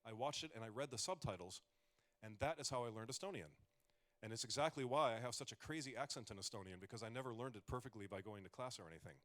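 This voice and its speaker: The man speaks fast at medium pitch, his tone a little bright. He's an American comedian in his forties whose casual stage talk is full of jokes on the side and rambling restarts.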